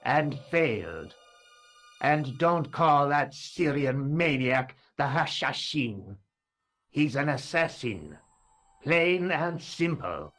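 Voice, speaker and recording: An actor playing a harsh, impatient conspirator in a video game, who talks in a curt, scornful way. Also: male voice, on the high side, very animated, takes it slowly, a bit bright, soft background music, full character voice.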